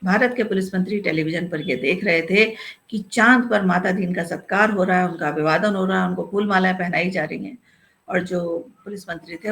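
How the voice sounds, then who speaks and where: A woman storyteller reading a satirical story aloud with expressive, lively delivery. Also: on the low side.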